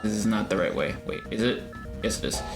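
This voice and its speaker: A man's voice: lowish voice, fast talker, music in the background. A man giving casual, sweary and exclamatory commentary while streaming a video game.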